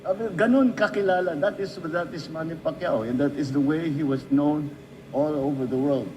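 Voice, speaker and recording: High-voiced Filipino man telling stories. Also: normal speed, noisy background. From Philippines. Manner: storytelling, addresses the listener directly. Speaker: speaker giving a tribute. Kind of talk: anecdotal speech.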